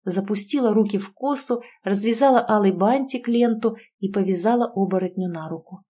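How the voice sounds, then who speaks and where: Female audiobook narrator, first-person fantasy romance; gentle and even, mid-pitched. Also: a little fast, husky.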